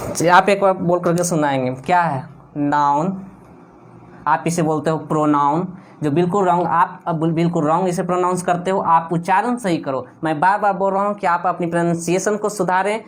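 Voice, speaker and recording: A man's voice: sits high, fairly even intonation. A man teaching English grammar in a video lecture, asking questions and answering them himself, insistently correcting pronunciation. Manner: asks students questions and answers them himself, repeating words slowly.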